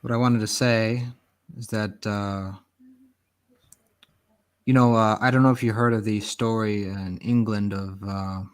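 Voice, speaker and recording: A man in casual discussion, speaking in a hesitant, halting way. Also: fairly low pitch, steady tone, smooth. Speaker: guest panelist.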